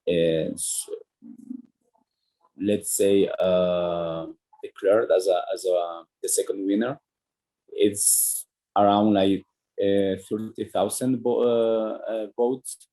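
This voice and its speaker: A man from Ecuador, a native Spanish speaker with an Ecuadorian accent, talking casually over a video call and pausing on many fillers and restarts. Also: fairly low pitch, fairly even intonation, dark tone, low-quality recording.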